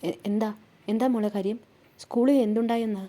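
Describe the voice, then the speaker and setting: A woman's voice: medium pitch, steady tone, normal speed, mellow, lightly acted. Woman voicing a pleading young seamstress. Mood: anxious. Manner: pleading, anxious questions.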